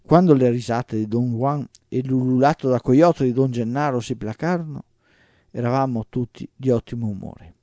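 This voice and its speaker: A man reading a first-person story aloud in a steady, even audiobook narration. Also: medium pitch, moderate pace, no room sound, studio quality.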